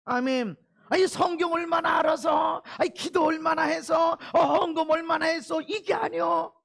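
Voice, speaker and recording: A man's voice: very high-pitched, fairly even intonation, normal speed, vocal fry, fairly bright tone, raised voice. A man preaching a sermon as a pastor, emphatic, throwing out rhetorical questions and calls of amen. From South Korea. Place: church sanctuary.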